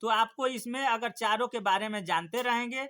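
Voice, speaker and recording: High, bright-voiced male teacher. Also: moderate pace. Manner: repetitive, rhetorical questions then answers. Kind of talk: exam-prep lecture.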